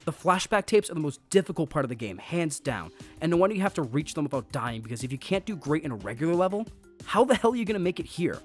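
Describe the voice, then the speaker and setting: Lively sarcastic male game reviewer. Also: fairly high pitch, fast talker. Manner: sarcastic, jokey asides. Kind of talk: scripted game review voice-over. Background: faint background music.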